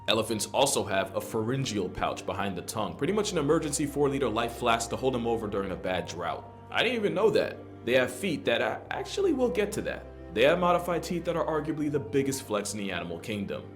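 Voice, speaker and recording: A man's voice: mid-range voice, sing-song, fast, hardly any pauses. A man narrating a nature video from a comedic script in a wry, irreverent manner. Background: guitar music.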